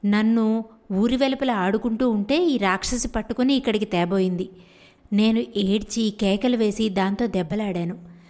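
A woman's voice: medium pitch, normal speed, a little mellow, natural voice. A woman voicing a leopard that is really an enchanted girl, telling her story earnestly.

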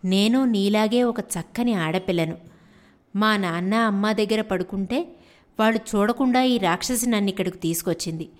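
A woman voicing a kind talking parrot who is really an enchanted girl, speaking gently and soothingly. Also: medium pitch, moderate pace, lightly acted. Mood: hushed, kindly.

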